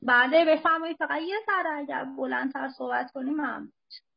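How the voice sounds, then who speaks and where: A woman moderates an online meeting, brief, courteous and formal each time she hands the floor to a speaker. Her voice is high, and the call audio is dull and muffled. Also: vocal fry.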